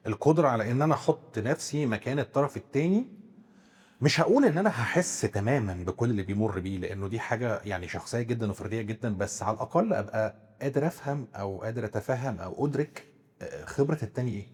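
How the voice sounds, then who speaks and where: A man's voice: mid-range voice, animated, rapid-fire, a little mellow, breathy edge, big-room sound. A man with an Egyptian Arabic accent who asks questions and hesitantly rephrases points in a discussion. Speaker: psychiatrist co-host.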